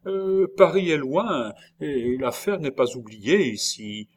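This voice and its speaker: A frightened, superstitious peasant nurse woman, put on by a male reader, her voice pushed up high and loud. She cries out in alarm, a countrywoman caught between fear and pity in a spoken storybook. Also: animated, slow pace. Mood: wary. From Normandy (figure). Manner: high, cried-out exclamations.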